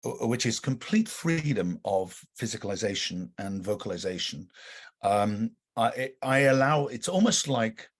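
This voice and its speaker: A middle-aged man from North London, an actor and director, is a guest on a relaxed podcast, telling rambling anecdotes full of fillers and restarts. His London English carries a slight Welsh lilt, and his voice sits on the low side with lively intonation at a measured pace.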